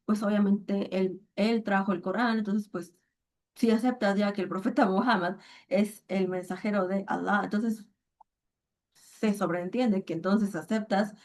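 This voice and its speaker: A woman's voice: mid-range voice, a little mellow. Hesitant woman teaching a casual lesson. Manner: hesitant, thinking aloud, keeps checking with listeners. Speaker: Quran and Arabic teacher.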